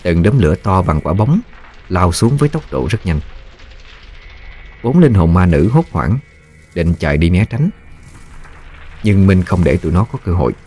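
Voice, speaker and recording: A man narrating a ghost story in a slow, ominous storytelling manner. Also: deep voice, big pitch swings, a little mellow, slightly rough, faint music behind.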